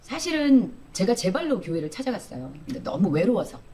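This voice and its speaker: A woman comedian telling her personal testimony in a played video clip, animated and acting out her own outbursts. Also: mid-range voice, brisk.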